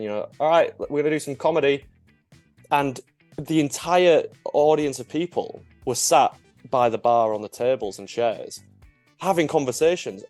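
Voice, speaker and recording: A young man, a comedian, tells a story in a loose, casual way at a middle pitch. He is animated, breaks into laughter often and swears freely. His voice is close and dry, with faint music behind. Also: no echo. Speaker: comedian guest.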